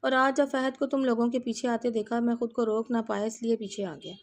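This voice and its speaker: A protective young husband speaks in a calm, serious, reassuring way, voiced by a woman reading a novel. She drops her voice a little lower and quieter for him, though it stays fairly high. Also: lightly acted.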